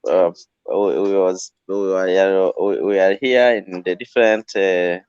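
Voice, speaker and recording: Male caller, halting, keeps restarting, low voice, dull lo-fi dry phone sound. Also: a little mellow, clean tone, no room sound.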